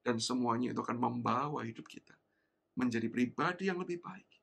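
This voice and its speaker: A man preaching at an online youth service, telling a childhood story with animated, acted-out voices. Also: medium pitch, fairly quick, creaky, breathy edge. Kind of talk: sermon with personal story. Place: church service streamed online.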